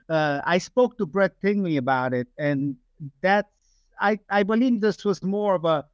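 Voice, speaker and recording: Older guest from Romania, emphatic and rambling, fairly high voice, dry home video-call sound. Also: male voice, smooth, dry recording. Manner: emphatic, digressive, frequent fillers. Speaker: guest, aerospace engineer. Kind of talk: casual interview over video call. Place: home room, indoors. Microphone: webcam video call.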